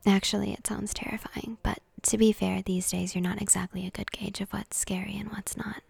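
A woman's voice: medium pitch, level tone, brisk, vocal fry, a little mellow, husky, no echo, clean studio sound, full character voice. Woman whispering as a cranky queen-bee teen in whispered role-play. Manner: cranky, cutting retorts. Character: sharp-tongued popular teenage girl, defensive.

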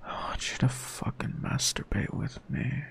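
A man's voice: a little slow, fairly bright tone, lightly acted. A man playing an aroused boyfriend in an intimate whispered role-play, breathing his words right into the listener's ear. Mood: aroused, tender.

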